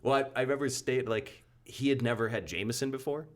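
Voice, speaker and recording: A man's voice: medium pitch, brisk. A man co-hosting a casual podcast, telling long rambling stories full of fillers and restarts. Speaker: podcast co-host. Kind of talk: casual chat.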